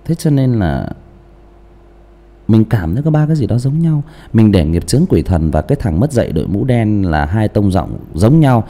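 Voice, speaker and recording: A man's voice: on the low side, normal speed. A male audiobook narrator chatting casually about character voices, often restarting phrases and asking the listener questions. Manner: animated, repeats and restarts, asks listeners rhetorical questions.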